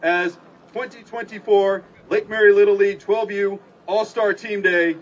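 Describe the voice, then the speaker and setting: A man's voice: high voice, steady tone, moderate pace, dull audio. A man reading a formal civic proclamation as a commissioner, with emphatic public-address delivery from an outdoor stage. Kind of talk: formal ceremonial proclamation speech. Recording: distant outdoor PA with background noise.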